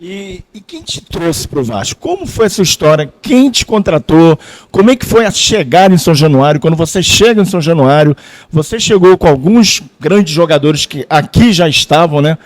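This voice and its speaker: A man's voice: fairly high pitch, animated, normal speed. A man, hosting an interview in a restaurant and asking long run-on questions. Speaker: host.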